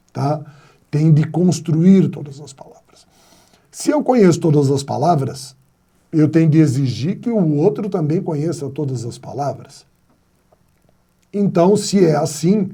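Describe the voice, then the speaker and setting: A man's voice: fairly high pitch, mellow, slightly rough. A man teaching a grammar video lesson, explaining step by step and posing rhetorical questions to his students. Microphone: wired mic.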